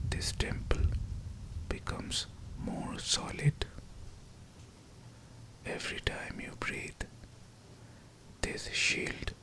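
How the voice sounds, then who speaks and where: A man whispering a scripted pep talk of affirmations, in short, deliberate phrases. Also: bright, forceful tone. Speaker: guided affirmation narrator.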